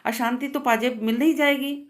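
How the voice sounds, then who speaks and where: A woman's voice: high-pitched, steady tone, normal speed, pitched above the performer's own voice, natural voice. A woman voicing a patient middle-aged father who tries to settle a quarrel in a short story. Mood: calm.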